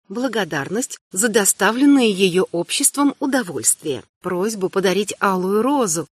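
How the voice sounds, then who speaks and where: A woman narrating a first-person fantasy audiobook in a measured, expressive storytelling manner. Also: mid-range voice, no room sound.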